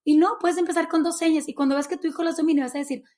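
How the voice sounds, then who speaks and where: High-voiced chatty Mexican woman. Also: steady tone, rapid-fire, darkish tone. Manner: chatty, acts out little dialogues with her kids. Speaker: guest, baby sign language instructor. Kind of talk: casual interview chat.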